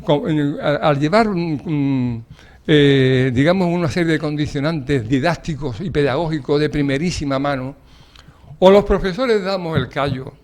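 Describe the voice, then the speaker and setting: A man's voice: a little high, normal speed, a little mellow. An older man, a guest in a radio debate, telling an anecdote emphatically with indignant asides.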